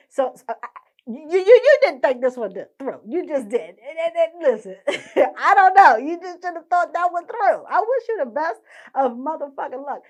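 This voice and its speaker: Sassy high-voiced woman podcast host. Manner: sassy, indignant, swears constantly. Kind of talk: profane ranting monologue.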